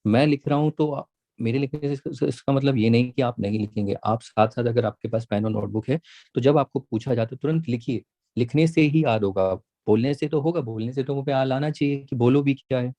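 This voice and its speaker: A patient male math teacher explains step by step in a mellow, dark voice. He repeats each point and draws the key words out slowly. The sound is dry and close. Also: medium pitch, no echo. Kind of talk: classroom lesson, mixing Hindi and English.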